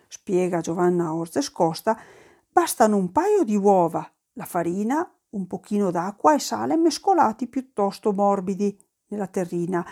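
A woman telling a folk tale, with lively asides in local speech. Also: mid-range voice. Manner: lively, slips into dialect asides. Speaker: storyteller. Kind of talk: folk storytelling.

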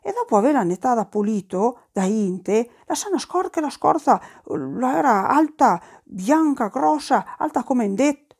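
A woman tells a folk tale at an easy pace. Her voice rises and falls freely, and she drops lively asides in local speech as she goes. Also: fairly high pitch, a little slow, breathy edge. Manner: lively, slips into dialect asides. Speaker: storyteller. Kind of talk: folk storytelling.

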